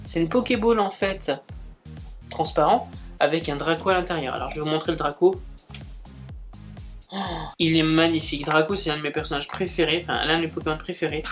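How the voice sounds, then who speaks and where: A man's voice: a little high, a little fast, long pauses, a bit bright, soft background music. A man chatting casually as he unboxes gifts, gushing and exclaiming as he goes. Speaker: book and manga YouTuber.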